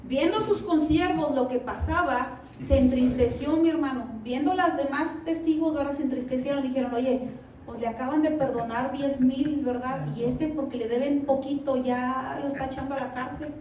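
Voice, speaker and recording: High-voiced woman teaching in an echoey hall. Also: steady tone, darkish tone. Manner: reads scripture slowly, asks the listeners "¿verdad?". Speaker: Bible teacher. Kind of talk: church Bible lesson. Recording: echoey room, mic at a distance, faint background noise.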